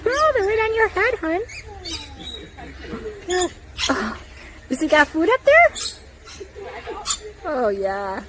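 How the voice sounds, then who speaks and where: A woman's voice: very high voice, huge pitch swings, slow, long pauses. A woman chatting casually for a vlog at a bird park, often cooing to the animals in sing-song baby talk. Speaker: vlogger touring a bird park. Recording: noisy bird park, busy background chatter.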